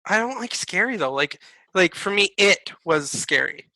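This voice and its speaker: High, very bright, animated young man. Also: creaky, no room sound. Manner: animated, quick laughter. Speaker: podcast co-host. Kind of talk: casual chat.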